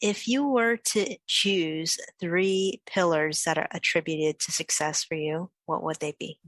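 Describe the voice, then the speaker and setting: Upbeat woman podcast host, lower voice. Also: measured pace, a bit bright, no echo. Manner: upbeat and friendly, asks questions, tells anecdotes. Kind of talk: casual podcast hosting.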